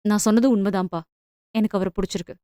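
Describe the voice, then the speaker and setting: A woman voicing a gentle but firm young daughter who speaks softly and earnestly to her father. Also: mid-range voice, fairly even intonation, fast talker, no echo, clean studio sound, pitched below the performer's own voice, close to an everyday voice.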